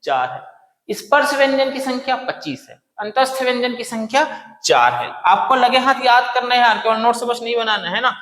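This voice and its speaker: A male teacher giving an exam-prep lecture, asking questions and answering them himself, and slowly repeating key phrases. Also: very high voice, lively intonation, pushed and bright. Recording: echoey room with long reverb.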